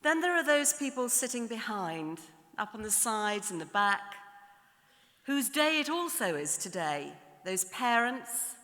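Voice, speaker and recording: Bright-voiced woman addressing a big hall. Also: on the high side, big pitch swings. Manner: measured, rhetorical, builds lists and repetitions. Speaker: graduation ceremony speaker. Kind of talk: formal ceremonial address. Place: large ceremony hall. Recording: long hall reverb in a large hall.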